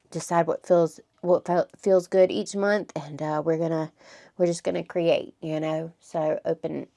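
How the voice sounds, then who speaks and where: Low, creaky-voiced woman chatting casually. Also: warm tone. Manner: chatty, rambling, casual swearing. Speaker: crochet vlogger. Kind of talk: casual studio vlog chat. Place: home craft studio.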